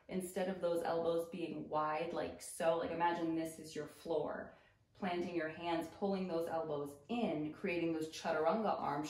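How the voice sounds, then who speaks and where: A woman yoga instructor giving casual, explanatory commentary with gentle cautions. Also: fairly low pitch, roomy sound, poor audio. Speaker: yoga instructor reacting to videos.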